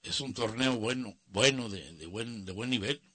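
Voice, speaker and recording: A Mexican man hosts a sports radio show, offering his opinions casually through colloquial, grumbling asides. His medium-pitched voice is sharp, bright, and husky, at a moderate pace. The sound is close and very dry, with no echo, like a radio studio.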